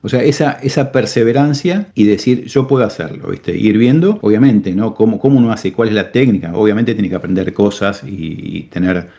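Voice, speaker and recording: A middle-aged man with an Argentine Spanish accent, telling his story as a podcast guest in an animated way and tagging his lines with "¿viste?". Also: on the low side, fairly quick, gravelly, few pauses, lo-fi sound. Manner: animated storyteller, tags lines with "¿viste?", acts out quoted people. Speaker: podcast guest, business owner. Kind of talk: casual interview talk.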